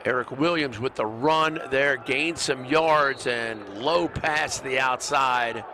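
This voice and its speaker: A man doing brisk, upbeat play-by-play commentary of a live football game from a stadium booth. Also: medium pitch. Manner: brisk, upbeat calling of plays. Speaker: play-by-play announcer. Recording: broadcast mix with clear stadium noise.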